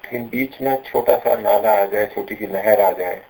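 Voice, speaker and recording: A man teaching pronunciation, explaining patiently and slowing down to stress syllables when he demonstrates. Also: fairly low pitch, creaky, mellow, rough recording. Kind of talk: explanatory lesson with recited examples.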